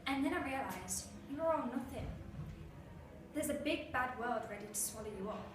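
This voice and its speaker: A woman performing a monologue as a bitter, defiant bullied schoolgirl, with a measured, scornful delivery. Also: a little high, expressive, lightly acted. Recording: echoey room, far mic, noisy.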